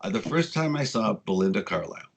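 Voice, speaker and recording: A man in his sixties, a guest telling casual, rambling stories with frequent swearing, getting animated when he quotes people. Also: lowish voice, fast, vocal fry. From United States. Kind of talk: casual storytelling interview.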